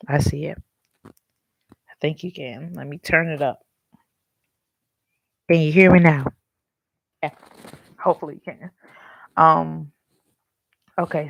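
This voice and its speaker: A woman's voice: deep voice, creaky, a little hiss or hum. A woman hosting a casual livestream Bible talk, speaking frankly and chattily, scolding listeners with humor and calling them y'all. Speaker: Bible study host.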